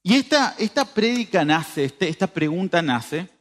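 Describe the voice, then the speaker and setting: This preacher, a man of thirty-five, gives a conversational sermon at a youth church meeting, addressing listeners directly and repeating phrases to drive points home. His high, fairly bright voice swings widely in pitch and moves a little slowly. He has the border accent of northern Uruguay, near Brazil.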